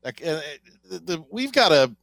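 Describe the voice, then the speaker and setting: A man's voice: fairly high pitch, big pitch swings, moderate pace, creaky, fairly bright tone, no echo. A man hosting a sports radio segment, talking casually and rambling with many fillers and restarts.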